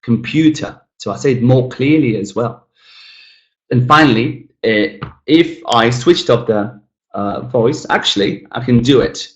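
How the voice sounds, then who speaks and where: A man with as his teaches English pronunciation, his voice sitting at an ordinary pitch. He breaks words apart, stretching the stressed syllable and mumbling the others. The recording has a noticeably echoey room sound. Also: a little slow, dull audio. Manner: demonstrates sounds by exaggerating stressed syllables and mumbling unstressed ones; explanatory, addresses viewers as guys. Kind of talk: recorded language lesson.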